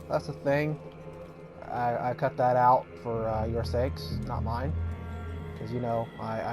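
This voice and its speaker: A man hosting a let's play, joking and rambling to himself and the game as he plays. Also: mid-range voice. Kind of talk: casual gameplay commentary.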